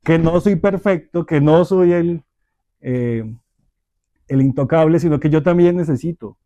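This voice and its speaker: Measured man leading a church parenting class. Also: a little high, dark tone, no room sound, highs cut off. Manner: measured, deliberate, with tag questions to listeners. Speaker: Bible study teacher.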